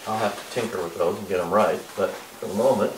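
Older man demoing gear in echoey workshop. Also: lowish voice. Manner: plain, halting explanation with many fillers. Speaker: DIY car restoration vlogger. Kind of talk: casual hands-on product demo. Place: large bare-walled workshop indoors. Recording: echoey workshop, distant mic, faint noise.

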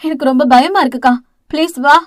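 A woman's voice: high voice, fairly quick, dry recording, studio quality, lightly acted. A woman doing an anxious young college girl. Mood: worried. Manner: anxious, coaxing, pleading. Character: frightened young woman, caring younger sister, college student.

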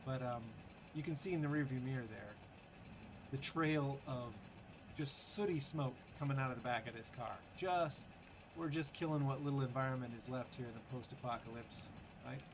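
A man with a voice of middling pitch talks casually over a video game, chatty and a little sarcastic, dropping plenty of ums and uhs. The faint hum of game noise sits behind his voice. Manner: chatty and wry, with frequent fillers and sarcastic asides. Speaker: gaming channel host. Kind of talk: casual gameplay commentary.

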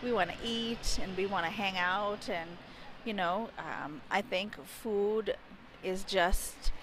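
Taking it slowly in a medium-pitched, fairly bright voice, a woman in her thirties responds to interview questions. Raised in Dubai and from India, she stands outdoors by a building wall with a handheld mic close, searching hesitantly for words over a rough recording with a bit of hiss or hum.

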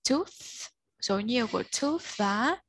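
A woman's voice: fairly high pitch, lively intonation, slow pace, breathy edge. A woman tutoring a child one-on-one, patiently explaining step by step and prompting the learner to answer. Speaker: English tutor.

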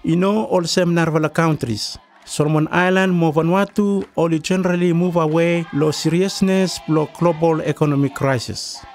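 A man's voice: fairly high pitch, fairly even intonation, moderate pace, hardly any pauses. A man with a Melanesian Pidgin accent reads scripted documentary narration in island pidgin. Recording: voice-over with music behind. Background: music.

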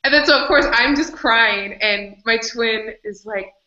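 A woman being interviewed, telling a personal story in an animated way and laughing often. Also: on the high side, unhurried. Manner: animated, laughs often, acts out her own past words. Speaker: interview guest. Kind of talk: candid storytelling in conversation. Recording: slightly dull, roomy recording.

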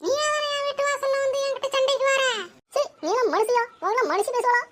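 A woman voicing several quarrelsome village women in a cartoon, with a scolding, shrill manner. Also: fast, a bit bright. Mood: quarrelling. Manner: scolding, high-pitched and shrill.

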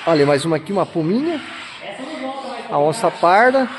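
Walking through a wildlife park with his phone camera, a vlogger from southern Brazil narrates for viewers in a voice on the high side, with big pitch swings at a moderate pace. He keeps exclaiming in awe, and the noisy outdoor audio captures a crowd, ambient sound and animals by the enclosures.

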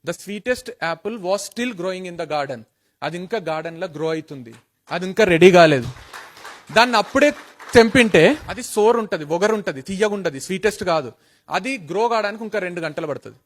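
A man voicing a patient, kindly God who gently reassures a boy. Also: high-pitched, expressive, moderate pace. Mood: gentle, reassuring.

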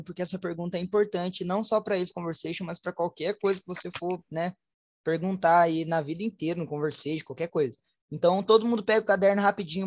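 A woman with a Brazilian Portuguese accent, teaching an online English class, switching between Portuguese and slowly spoken English examples. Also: on the low side, darkish tone, dry recording, highs cut off. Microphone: online class headset or computer mic.

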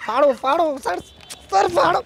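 High-voiced Indian man pleading in a prank. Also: expressive, moderate pace, creaky. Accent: Indian Hindi. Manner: pleading and flirting, repeats himself. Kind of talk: street prank. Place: outdoors in a park.

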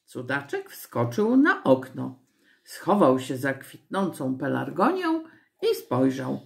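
A woman reading a children's story aloud with an expressive, storytelling manner. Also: a bass voice, takes it slowly, creaky.

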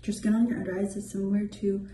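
A woman's voice: medium pitch, flat delivery, quick pace, mellow, echoey room, slight background noise, poor audio. A young woman chatting casually to the camera in a hotel room. She sounds tired and rambles, saying "like" often. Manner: chatty, rambling, heavy use of "like". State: tired from lack of sleep. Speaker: vlogger. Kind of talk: casual vlog chat to camera. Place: small hotel room, indoors.

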